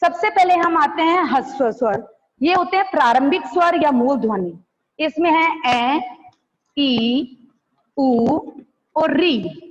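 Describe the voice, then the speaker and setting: Lady teacher, high voice, dull lo-fi sound with long reverb. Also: lively intonation. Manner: slow, question-and-answer teaching, answering her own questions. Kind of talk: online class lecture.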